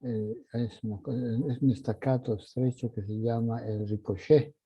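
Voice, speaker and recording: Gravelly-voiced man teaching orchestration. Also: mid-range voice, fairly even intonation, moderate pace, dark tone. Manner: vocalizes musical articulations with syllables. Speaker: composition teacher. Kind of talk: orchestration workshop lesson. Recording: dull lo-fi recording.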